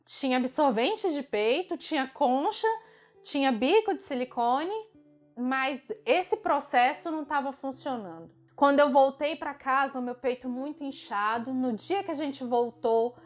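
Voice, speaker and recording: A woman's voice: high-pitched, a little slow. A young woman from Brazil telling her own story of early motherhood, candid and emotional, often correcting herself mid-sentence. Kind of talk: personal storytelling. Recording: slightly dull recording with faint music.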